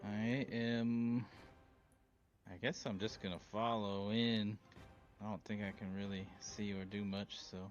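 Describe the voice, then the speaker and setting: A man playing a tabletop game over a voice call, relaxed and chuckling as he chats. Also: lowish voice, unhurried, soft background music. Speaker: player. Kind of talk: casual chat over voice call. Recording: slightly dull voice-call audio.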